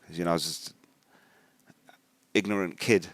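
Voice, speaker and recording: This Englishman speaks low and steady at a normal pace, his tone fairly bright and free of echo. He offers informal religious commentary laced with slang and personal anecdotes, often acting out what other people say.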